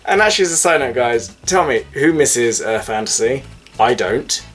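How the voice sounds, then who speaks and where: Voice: mid-range voice, expressive, normal speed, a bit bright, breathy edge, soft background music. A tipsy host rambling through a casual explanation like a drunk person chatting. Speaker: host of a hobby video channel.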